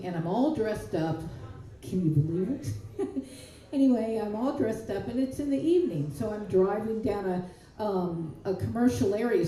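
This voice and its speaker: Southern lady from kentucky telling a goofy story, chatty and rambly, mellow tone, really echoey outdoor sound. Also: mid-range voice. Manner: rambling, chatty, self-deprecating. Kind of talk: comic personal storytelling. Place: outdoor public square.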